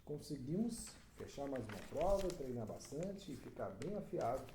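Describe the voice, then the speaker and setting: A man teaching Portuguese for exam prep with a Brazilian accent, walking through answers slowly and deliberately, counting syllables aloud. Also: medium pitch, big pitch swings. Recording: roomy echo with faint background noise.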